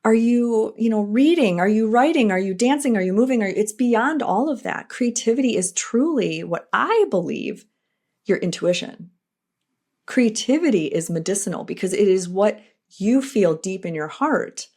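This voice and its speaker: A middle-aged woman hosting her own podcast, talking through a personal, reflective monologue in an earnest, animated way with frequent asides. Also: mid-range voice, moderate pace. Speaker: podcast host.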